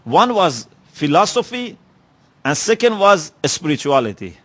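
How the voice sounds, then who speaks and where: Speaking in a sing-song, slightly bright voice on the high side, a reflective man lectures on religion in a lecture hall. Persian is his first language, and his measured speech is full of pauses and "you know" fillers.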